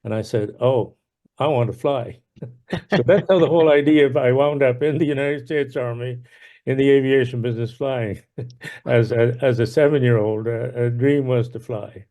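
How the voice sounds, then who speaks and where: Older Irish-born man, unhurried. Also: medium pitch, dark tone. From Ireland. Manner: unhurried, many fillers and restarts, chuckles often. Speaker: interviewee, veteran. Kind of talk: casual oral history interview.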